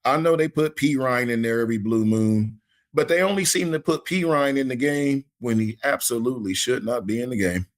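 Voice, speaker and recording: A man's voice: medium pitch, a little fast. A man co-hosting a fantasy football podcast in casual, folksy chat, often repeating words as he starts a thought. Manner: laid-back, folksy, repeats himself when starting a thought. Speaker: podcast co-host.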